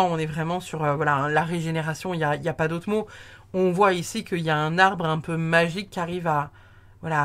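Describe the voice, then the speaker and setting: A woman giving a casual tarot reading, chatty and warm in tone, with many fillers and restarts. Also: fairly low pitch. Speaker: tarot card reader.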